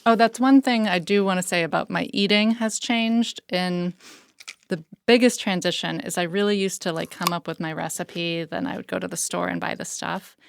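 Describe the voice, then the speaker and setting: A woman's voice: on the low side, steady tone, normal speed, vocal fry. A woman, a flower farmer, talking casually in an interview and explaining things with many "you know" fillers.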